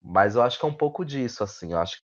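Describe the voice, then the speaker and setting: A playwright and actor with a Brazilian accent gives reflective interview answers as a guest, searching for words, repeating phrases and often finishing with tag questions. His mid-range voice is expressive and fast, and the audio is dull and lo-fi.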